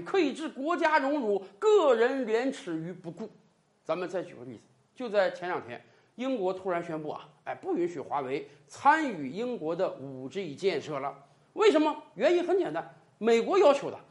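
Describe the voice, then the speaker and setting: A political commentator in full opinion mode, voice swinging widely up and down to mock and emphasize. The delivery is sarcastic and pointed, with heavy stress on scornful phrases. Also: medium pitch.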